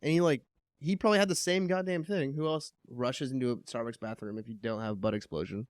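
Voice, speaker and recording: A man co-hosting a podcast, telling crude stories in fast, rambling, profane casual banter. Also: medium pitch, no echo, clean studio sound. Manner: fast, rambling storyteller, curses a lot. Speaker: podcast co-host.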